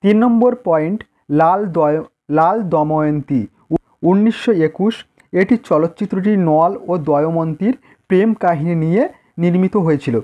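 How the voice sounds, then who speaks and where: Bengali guy teaching exam prep, reads answers out point by point, kinda higher voice. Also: normal speed, muffled recording. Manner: dictating, repeats phrases, stresses key terms. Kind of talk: exam-prep lecture reading answers aloud.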